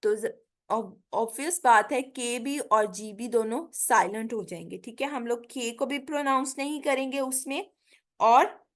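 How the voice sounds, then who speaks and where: Teaching pronunciation online, this English teacher has a high-pitched, fairly bright voice. She blends careful English with Hindi, explains slowly and patiently, and keeps checking in with her students with a recurring "theek hai".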